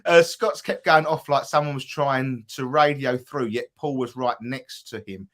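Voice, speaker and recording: A man's voice: mid-range voice, normal speed, a bit bright. A man with an Essex accent hosting a live podcast, chatting in a rambling way with restarts. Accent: Essex English. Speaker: host.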